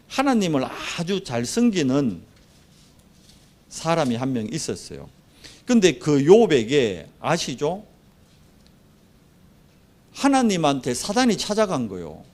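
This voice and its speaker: A man's voice: mid-range voice, huge pitch swings, measured pace, long pauses, darkish tone. A male pastor from the southeast of Korea, preaching a sermon and telling the story vividly, acting out the dialogue.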